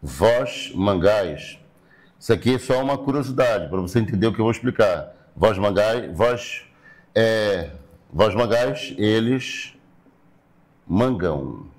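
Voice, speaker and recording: A man's voice: on the low side, animated, a little slow. Brazilian man teaching grammar class. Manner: explanatory, repeats words and checks in with "tá?". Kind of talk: recorded online class lecture.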